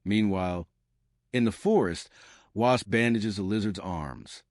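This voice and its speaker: A man's voice: fairly low pitch, measured pace, a little mellow, no echo, studio quality. A man narrating a comic book aloud, announcing each speaker before the lines. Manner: plain storytelling with "says" tags.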